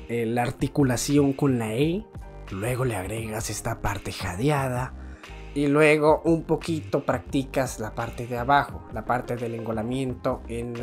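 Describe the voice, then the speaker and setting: Male voice-imitation teacher, calm explanatory delivery, mid pitch, light music bed. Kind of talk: spoken tutorial.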